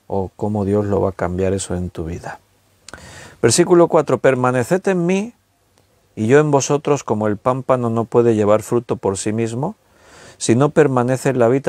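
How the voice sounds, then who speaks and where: Conversational preacher, dry sound. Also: male voice, medium pitch, a little mellow, dry recording. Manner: conversational, stretches key words slowly for emphasis. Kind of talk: sermon. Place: recorded at home with a tablet.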